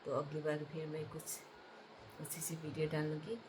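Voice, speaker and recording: A woman telling a comic folk tale in a casual, halting way, with many fillers and restarts. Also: low voice, monotone, noisy background. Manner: halting, with many fillers and restarts, laughing at her own jokes. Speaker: storyteller, channel host.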